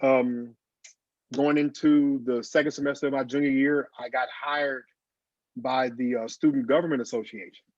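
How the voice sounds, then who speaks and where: A man's voice: medium pitch, fairly even intonation, moderate pace, no room sound. A man in his forties with a slight lisp, telling his story as a guest on a video call. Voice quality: slight lisp from dental aligners. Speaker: graphic designer, guest. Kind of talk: casual interview over video call. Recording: dull video call audio.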